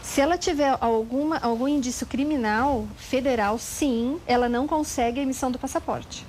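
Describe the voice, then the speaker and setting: A Brazilian woman lawyer calmly explaining legal procedures step by step as an interview guest. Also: high voice, moderate pace, slight background noise, poor audio. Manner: calm, methodical, precise explanations.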